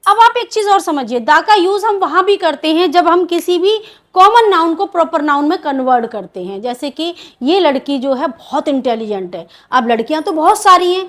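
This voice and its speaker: A woman's voice: extremely high pitch, expressive, moderate pace. A woman with an Indian accent teaching English grammar in a video lesson, asking questions and answering them herself.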